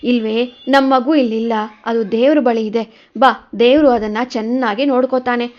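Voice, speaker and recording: A woman voicing a gentle young husband who soothes and coaxes his wife. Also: a little high, fairly even intonation, normal speed, dull audio, lightly acted. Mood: soothing. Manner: soothing, coaxing.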